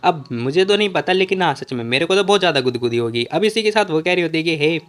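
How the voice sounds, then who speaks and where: Fast chatty male comic recap narrator. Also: fairly high pitch, expressive, fairly bright tone, clear, resonant tone. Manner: chatty, addresses listeners as "bhai". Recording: faint background music.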